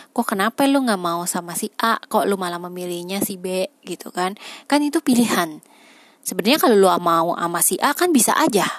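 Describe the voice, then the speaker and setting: A woman's voice: mid-range voice, dry recording. A woman, talking casually to her viewers, reasoning aloud and dropping frequent filler tags. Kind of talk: casual monologue on life choices.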